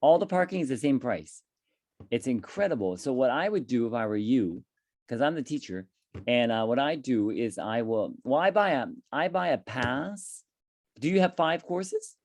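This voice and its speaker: An English teacher chats casually with his student, asking lots of questions with a lively rising intonation. His voice is medium-pitched and moderately paced, and he often repeats and restarts. The recording has no room sound.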